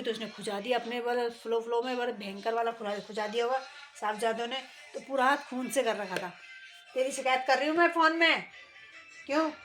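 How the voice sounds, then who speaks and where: Woman vlogger, middle-aged, higher voice, rambling chat, faint music behind. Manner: rambling, conversational, clears throat often. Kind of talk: casual chat.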